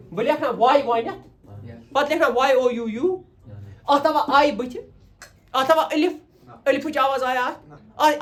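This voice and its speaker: A man teaching English grammar to a class, repeating points and quizzing his students. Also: extremely high pitch. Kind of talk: classroom lecture.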